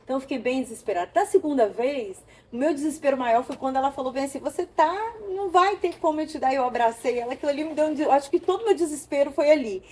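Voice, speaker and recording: A woman from Brazil, an interview guest, telling an emotional personal story with animated storytelling and acted-out dialogue. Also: high-pitched, fast talker, few pauses, slight background noise.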